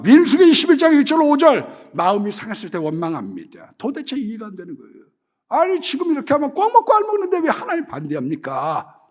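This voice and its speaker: A man preaching a sermon as pastor, animated, swinging between loud exclamations and hushed asides, acting out quoted voices. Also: sits high. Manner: acts out quoted voices in dialogue.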